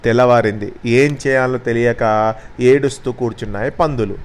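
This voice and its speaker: A man narrating a children's story as a storyteller, expressive and gentle. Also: mid-range voice, moderate pace.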